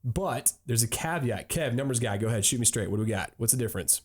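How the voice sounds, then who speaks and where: A man's voice: mid-range voice, lively intonation, quick pace, husky. A man hosting a travel podcast in a casual, upbeat, joking tone. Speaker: podcast host.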